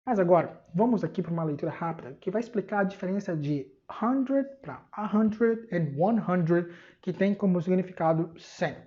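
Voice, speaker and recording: Woman, Brazilian Portuguese accent, English teacher, drills each word, lowish voice, dull audio. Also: animated. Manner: slowly repeats English words as drills. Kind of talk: pronunciation lesson. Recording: dull lo-fi recording.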